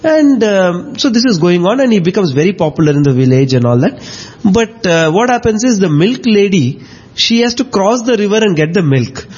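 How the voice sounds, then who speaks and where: Male, Indian accent, high husky voice, animated spiritual storytelling, muffled recording. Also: moderate pace. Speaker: discussion host retelling devotional stories.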